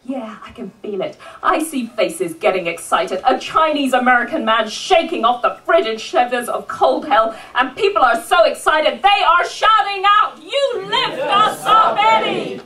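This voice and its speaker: A woman's voice: fairly high pitch, animated, moderate pace, few pauses, bright, forceful tone. A woman performing rhythmic spoken-word poetry at a live benefit event, rousing the audience into call-and-response. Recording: voice picked up from a distance at a live event.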